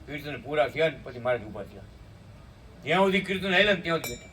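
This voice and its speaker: An animated man with a fairly bright voice on the high side preaches from a distance at a satsang. His sermon mixes storytelling with slow, chanted hymns, punctuated by "hum?" to the listeners. The distant mic catches faint room noise.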